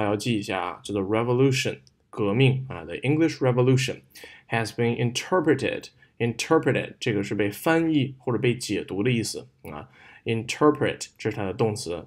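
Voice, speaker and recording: A man teaching an English exam lesson, speaking Mandarin-accented Chinese and English, patiently explaining words and modeling stress and pauses. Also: mid-range voice, darkish tone. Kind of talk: recorded lesson explaining a reading passage.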